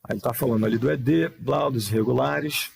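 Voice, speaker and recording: A man teaching English grammar live online has a mid-range voice marked by vocal fry and a slight roughness. He is patient, frequently asks rhetorical questions, and reads the English examples slowly and with care.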